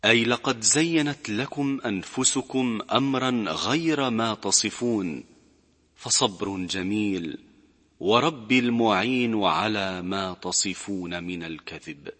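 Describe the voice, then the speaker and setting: A man tells a religious story in a measured, steady narrating voice. His voice sits a little low but comes across bright and forceful. A noticeable reverb trails after his words.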